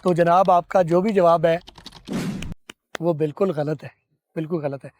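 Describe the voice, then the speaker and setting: A man from Pakistan teaching English pronunciation in a spoken lesson. He demonstrates sounds slowly, repeats them, and asks questions that he then answers himself. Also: a little high, steady tone, darkish tone, slight background noise. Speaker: accent teacher.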